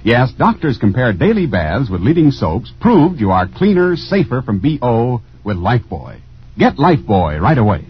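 A man announcing a commercial with a husky, breathy voice that swoops wildly up and down in pitch. He sells hard and punchy. The sound comes from an old broadcast disc, dull and lo-fi, with faint music underneath. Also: very animated, normal speed. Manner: emphatic, punchy salesman delivery. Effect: old broadcast transcription disc. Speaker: radio announcer. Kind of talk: scripted commercial reading. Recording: dull lo-fi 1950 radio disc.

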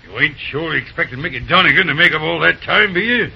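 Gravelly, high, rustic old railroader. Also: male voice, lively intonation, fast, heavily acted. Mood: doubtful, grumbling. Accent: rustic American. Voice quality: gravelly, raspy, sharp. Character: folksy, grumbling old railroad work-train man. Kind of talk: old-time radio drama acting. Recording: dull old radio recording.

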